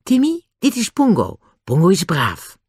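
A bold, eager tomboy girl from a children's storybook, as the reader puts her on. She sounds raised and bouncy, with her pitch swinging widely. The sound is dry and close. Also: wildly swooping pitch, unhurried, a little mellow, slightly rough, no room sound, heavily acted.

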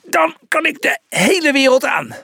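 A man voicing a cheerful, boastful male zebra in a storybook reading, pitched higher than his own voice. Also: big pitch swings, moderate pace, vocal fry, sharp tone, no echo, studio quality, exaggerated voice.

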